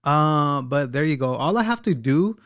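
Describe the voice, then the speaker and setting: A man's voice: fairly high pitch, animated, normal speed, fairly bright tone, dry recording. Man, reaction commentary host, sarcastic, laughing, casual slang, dry close sound.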